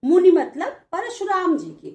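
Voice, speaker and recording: A woman's voice: extremely high pitch, huge pitch swings, unhurried, darkish tone, echoey room. A woman teacher explaining a Hindi verse lesson line by line, glossing each word in turn.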